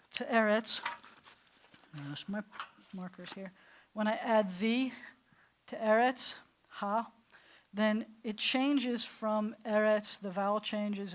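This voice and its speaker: A woman rabbi leads a beginners' Hebrew class in a loose, chatty manner, frequently restarting sentences and sounding out words slowly. Her voice sits at medium pitch, with a little background noise, in a classroom or congregation hall.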